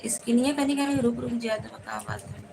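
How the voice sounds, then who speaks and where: A woman's voice: fairly high pitch, fairly even intonation, fast talker, creaky. A woman, chatting casually on a phone live stream, greeting viewers by name and asking for their support. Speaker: live-stream host and folk singer. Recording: faint background noise.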